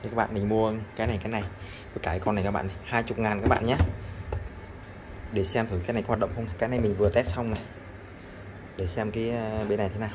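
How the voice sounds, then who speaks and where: With a lowish voice and fairly even intonation, a man races through a casual vlog of testing scrap electronics against a noisy background. He talks to viewers constantly and repeats phrases a lot.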